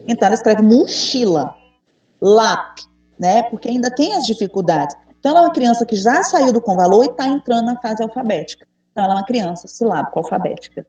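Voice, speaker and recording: A woman's voice: fairly high pitch, expressive, quick pace, mellow. Brazilian woman trainer on an echoey call. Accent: Brazilian Portuguese. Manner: patient, encouraging, asks the group questions. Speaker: teacher trainer. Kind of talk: online teacher training session. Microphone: video call. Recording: echoey room, distant mic.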